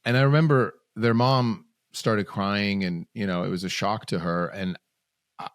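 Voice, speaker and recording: Clean studio audio with no room sound captures a lowish male voice, measured in pace and fairly even in intonation. He's a podcast guest from Switzerland recounting his story in a casual interview, speaking in bursts, jumping up suddenly and restarting phrases.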